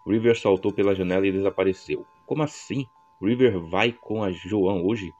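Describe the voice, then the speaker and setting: Brief: young São Paulo man, low voice, reads a story game aloud with slangy asides, slightly dull recording with faint music behind. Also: steady tone, moderate pace, darkish tone. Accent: São Paulo Portuguese. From Brazil. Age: 20s. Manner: casual, slangy asides to viewers. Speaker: gameplay narrator.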